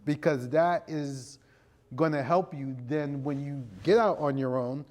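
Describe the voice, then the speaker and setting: A little slow and a little mellow, with a voice on the high side, the middle-aged American guest talks through his interview answers before a live crowd. He's a creative director and video producer who explains things and regularly checks in with "you know" and "right?"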